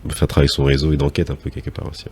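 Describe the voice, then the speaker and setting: A man's voice: a bass voice, monotone, darkish tone, breathy edge. A man hosting a podcast interview, asking questions and closing the episode in a friendly way. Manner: friendly, fast, wraps up with outro. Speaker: podcast host.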